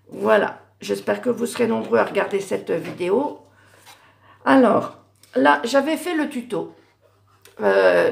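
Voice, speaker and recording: A middle-aged woman showing her handmade Christmas cards in a casual craft vlog, hesitant with many fillers and self-corrections, her voice going hoarse. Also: mid-range voice. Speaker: craft YouTuber.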